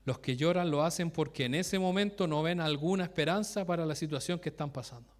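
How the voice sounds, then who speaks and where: Male preacher, slightly high voice, casual sermon delivery full of restarts and questions to the congregation. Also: brisk. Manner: informal, self-interrupting, laughs at his own stories; asks the congregation direct questions. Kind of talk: conversational sermon with personal stories.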